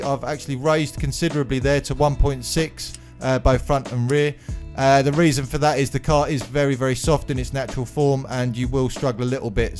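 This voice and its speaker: A man's voice: mid-range voice, darkish tone. A man hosting a gaming tutorial voice-over in a casual way, his speech slightly numb-mouthed as if after dental anaesthetic. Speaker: video game channel host. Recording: music playing behind the voice. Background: music.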